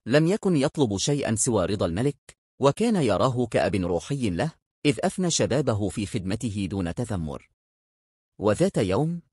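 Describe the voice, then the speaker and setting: Male narrator for a folk tale; husky, expressive, lively pitch, dry close recording. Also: no room sound. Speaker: storyteller. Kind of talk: scripted story narration.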